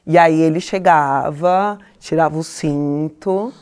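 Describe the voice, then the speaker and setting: A woman with a Brazilian Portuguese accent co-hosting a podcast, telling stories in a lively, slangy, joking way. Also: low-pitched, slow pace, clean tone. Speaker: podcast co-host. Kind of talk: casual chat.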